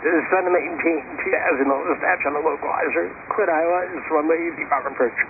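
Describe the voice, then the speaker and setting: Atc man on radio, slightly high voice, brisk instructions, very tinny. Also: fairly even intonation, background noise. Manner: brisk procedural delivery. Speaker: approach air traffic controller. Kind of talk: air traffic control radio instructions. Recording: tinny, staticky radio transmission.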